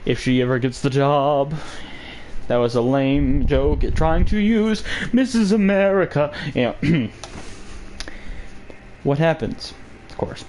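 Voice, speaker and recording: A man's voice: a little high, unhurried, darkish tone, slight background noise. A young man hosting his own vlog, rambling through a sarcastic political rant full of jokey asides. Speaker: vlog host.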